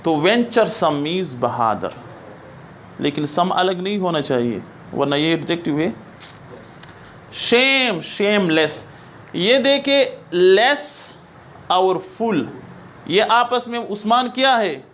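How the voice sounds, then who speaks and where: A man teaching an English grammar lesson, reading example sentences slowly and often checking that his students understand. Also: sits high, animated, fairly bright tone, a little hiss or hum. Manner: explains in Urdu, reads English examples slowly.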